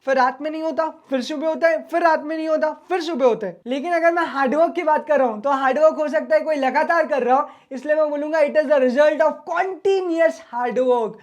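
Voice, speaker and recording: A male teacher gives an online exam-prep lecture in a very high voice. He talks to his students in a loose, friendly way and switches back and forth between Hindi and English. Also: fast talker, hardly any pauses. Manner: casual, chatty, mixes Hindi and English.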